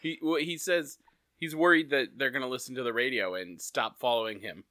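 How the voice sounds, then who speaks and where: A man's voice: mid-range voice, fairly quick, sharp tone, dry recording, clean studio sound. A man co-hosting a podcast, chatting casually and with amusement about a cartoon episode. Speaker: podcast co-host.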